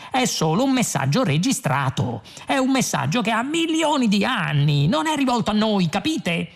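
A man voicing a reckless, overconfident male space adventurer who shouts excitedly, in an audiobook. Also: sits high, moderate pace, vocal fry, pitched above the performer's own voice, heavily acted. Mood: excited bluster.

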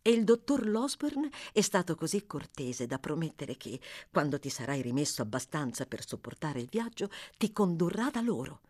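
A woman voicing a kind young lady who speaks softly and earnestly, close to her own voice. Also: low-pitched, very animated, normal speed, hardly any pauses. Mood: tender. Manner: soft, earnest.

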